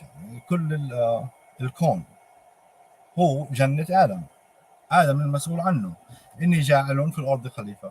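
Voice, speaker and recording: A man with a Palestinian Arabic accent giving an informal religious monologue, halting and posing emphatic rhetorical questions. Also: medium pitch, darkish tone. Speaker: religious speaker. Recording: clearly noisy ambient background.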